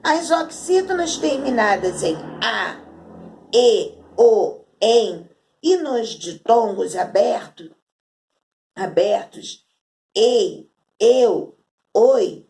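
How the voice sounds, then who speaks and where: Brazilian woman teacher, slow and drawn-out, a bit high and gravelly, online lesson for children. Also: lively intonation, a little mellow. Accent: Brazilian Portuguese. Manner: slow, drawn-out words read aloud one by one.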